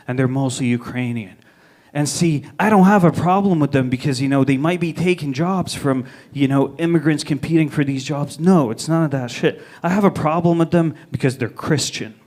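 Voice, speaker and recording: A man from Egypt doing a brash stand-up set, swearing and hyping up a small crowd. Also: on the high side. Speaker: stand-up comic. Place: small live comedy venue.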